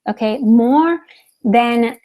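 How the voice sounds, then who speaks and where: A woman's voice: fairly high pitch, drawn-out words, mellow. A woman from Cuba, a business coach giving a motivational webinar talk, repeating herself for emphasis and tagging lines with "okay?". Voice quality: frequent "okay?" tag questions, emphatic repetition.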